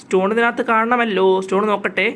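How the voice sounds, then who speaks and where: A man giving casual, chatty gameplay commentary as a channel host. He keeps addressing his viewers as "guys," and a cough leaves his voice a little hoarse. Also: high-pitched, fairly even intonation, fast talker, bright, forceful tone.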